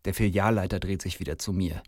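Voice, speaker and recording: A man reads a first-person story aloud in an even, storytelling way. His voice sits very low. The sound is close and dry. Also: fast talker, no room sound. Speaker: narrator.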